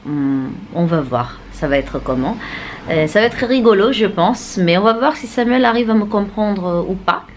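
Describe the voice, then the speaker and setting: A woman's voice: mid-range voice, lively intonation, normal speed, slight background noise. A woman with a Sundanese-Indonesian accent, narrating a casual vlog outdoors in a city, hesitant and playful, with many fillers. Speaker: vlogger. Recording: music playing under the voice.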